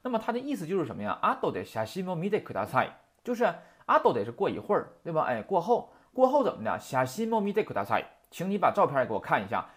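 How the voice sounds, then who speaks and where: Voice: mid-range voice, very animated, rapid-fire, hardly any pauses. A language teacher explains example sentences and keeps checking with "right?". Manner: constantly asks "right?" to check understanding; quotes example sentences, then explains them. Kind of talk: classroom lesson explanation.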